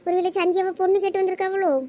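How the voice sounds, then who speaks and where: A woman's voice: extremely high pitch, completely flat delivery, rapid-fire, lo-fi sound. A woman acting a village family drama, scolding, teasing and fussing in a nagging way.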